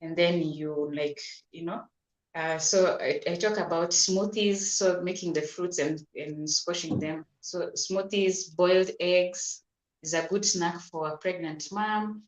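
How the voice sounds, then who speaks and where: A woman's voice: lowish voice, fairly even intonation, a little slow. A woman doctor, patiently explaining health advice in an interview, often repeating words and restarting. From Kenya. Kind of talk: advisory interview answers. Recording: roomy echo.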